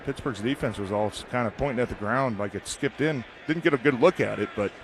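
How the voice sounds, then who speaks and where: A man's voice: medium pitch, fast. An American man giving informal, conversational football analysis as a radio color commentator, often repeating himself. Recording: noisy live stadium broadcast.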